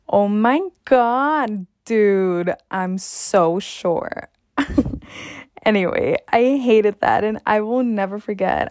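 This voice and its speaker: A woman's voice: medium pitch, a little mellow, no room sound, clean studio sound. A young woman hosting a podcast, telling personal stories in a candid, casual way with some swearing. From Mexico and Texas. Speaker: podcast host. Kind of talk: personal storytelling monologue.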